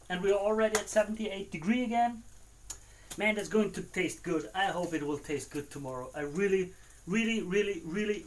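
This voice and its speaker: A livestreaming home cook with an Austrian German accent chats casually while cooking, rambling and repeating words as he talks to himself. His voice is high-pitched, with a slight hiss or hum in the audio.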